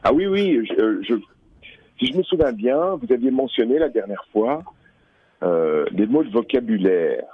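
A man with a medium-pitched, slightly rough voice phones a radio show in character as a game explorer, sounding very animated at a moderate pace. He talks in a hesitant, distracted way, remarking on his surroundings, and the line sounds tinny.

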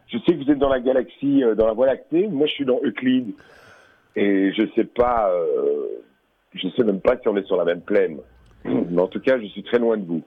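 A man calls in to a radio show and stays in character as an explorer inside a video game. He sounds hesitant and distracted, often breaking off to comment on what he sees. His voice is low and husky, and it comes through a tinny, dry phone line. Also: moderate pace, no echo.

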